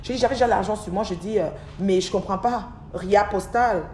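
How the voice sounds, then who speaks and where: A woman's voice: medium pitch, fairly quick, a little mellow, a little hiss or hum. Middle-aged woman chatting on a livestream at home, rambles, repeats herself a lot, roomy echo. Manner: rambling, repeats words and restarts often; chatty, speaks straight to her viewers. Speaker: livestream host. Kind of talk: casual storytelling livestream. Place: at home, by an aquarium. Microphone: livestream device mic. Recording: echoey room.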